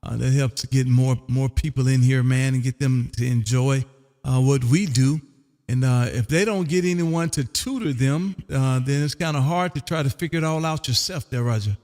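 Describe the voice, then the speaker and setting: A slightly mellow, medium-pitched voice belongs to a Texas man running an amateur radio live stream from his home radio room. He makes ham contact calls and chats in a relaxed, folksy showman style, with stretched-out call signs and "man" sprinkled in. The audio has a long, hall-like reverb.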